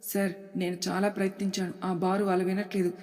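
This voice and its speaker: A woman's voice: mid-range voice, flat delivery, quick pace, darkish tone, close to an everyday voice. A woman voicing a loyal male assistant who answers respectfully and reassuringly, with a long hall reverb behind her voice.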